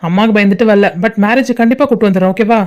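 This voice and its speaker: A woman voicing a cheerful visiting relative in a cartoon, chatty and excited when greeting old friends. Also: medium pitch, rapid-fire, lightly acted.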